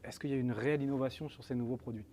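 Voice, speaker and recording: A man with a soft-edged, mellow voice and average pitch hosts a live product chat. He puts his questions informally, circling a little before he gets to the point. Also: fairly even intonation, racing. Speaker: host and interviewer, store salesperson. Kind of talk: live casual product interview.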